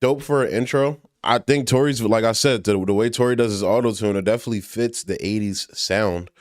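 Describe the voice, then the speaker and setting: Reviewing and reacting to music, a man talks casually, using lots of slang and fillers. His somewhat low voice moves fairly quickly. The studio sound is clean, with no echo.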